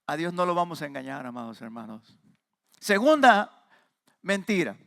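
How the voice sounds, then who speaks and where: A man with a Mexican Spanish accent, preaching a sermon and speaking straight to the congregation, emphatic with quieter asides. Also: medium pitch, fast talker, gravelly, dry recording, clean studio sound. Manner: addresses the congregation directly. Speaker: pastor.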